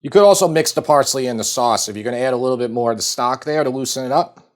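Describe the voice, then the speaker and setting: A middle-aged man with a Long Island accent, showing a recipe in his home kitchen in a relaxed, chatty way full of fillers. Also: medium pitch, fast. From Long Island, New York. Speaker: cooking show host. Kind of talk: casual cooking demonstration.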